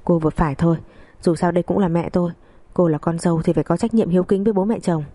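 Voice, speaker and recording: A frustrated, hot-tempered young husband who talks sternly, as a woman storyteller voices him. The voice is low and mellow in a dry, close sound. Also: fairly even intonation, fast, no echo, lightly acted. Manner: stern, scolding.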